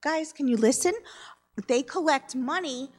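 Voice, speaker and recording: A woman's voice: sits high, a little slow. A woman talking informally to children like a Sunday school teacher, prompting them with simple questions. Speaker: children's message leader in church.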